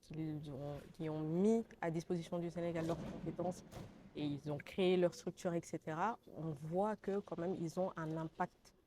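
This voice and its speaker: A woman's voice: fairly low pitch, steady tone, moderate pace, warm tone, a little hiss or hum. Earnest French-speaking woman from Senegal. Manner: hesitant, many fillers and restarts, earnest. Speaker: interviewee. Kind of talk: testimonial interview.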